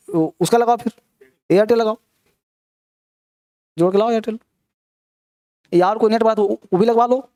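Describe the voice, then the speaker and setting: A man's voice: high-pitched, a little mellow, no echo, clean studio sound. A man teaching an English grammar class, teasing and scolding his students as he quizzes them with rhetorical questions. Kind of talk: classroom lecture.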